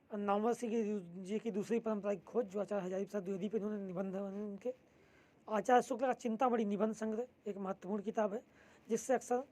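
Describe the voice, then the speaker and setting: A woman's voice: medium pitch, mellow. A young woman teaching, steadily explaining an exam syllabus with frequent fillers.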